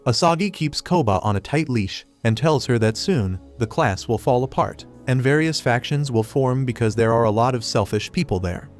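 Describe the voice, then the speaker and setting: A man giving a steady scripted narration of an anime plot summary. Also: medium pitch, moderate pace, few pauses, faint music behind. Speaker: recap narrator.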